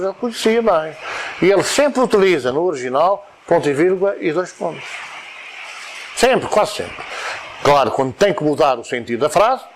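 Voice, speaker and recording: A man with a European Portuguese accent gives an informal talk to a study group. His voice sits a little high and swings widely in pitch as he explains. He drifts between points, repeats words and reaches for examples, with a faint hiss behind him. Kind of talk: informal spoken lecture.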